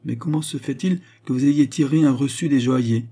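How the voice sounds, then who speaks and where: A man's voice: medium pitch, brisk, warm tone, husky, voice pushed up, natural voice. A man reading an audiobook, voicing a stern queen who questions with cold contempt. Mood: stern, scornful. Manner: cold, cutting interrogation.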